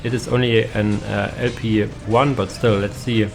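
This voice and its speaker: A man's voice: on the low side, level tone, moderate pace, vocal fry, over music. A young man giving casual, hesitant commentary on a strategy game match, with many fillers and restarts. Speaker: caster.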